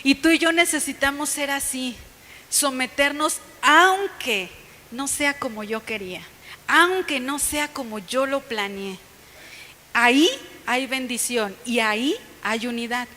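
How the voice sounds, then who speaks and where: A woman's voice: high voice, measured pace, big-room sound. A woman with a Mexican accent preaching a sermon in a conversational, storytelling way. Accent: Mexican Spanish. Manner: conversational, storytelling, quoting others with lively put-on voices. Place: church sanctuary.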